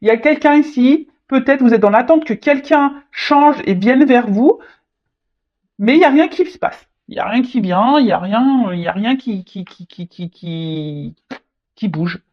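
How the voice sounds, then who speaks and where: A tarot reader talks through a casual reading, stumbling and repeating words as the thoughts come. The voice sits at a middle pitch, and the recording sounds dull and lo-fi. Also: animated. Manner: halting, repeats words, frequent "hein" tags.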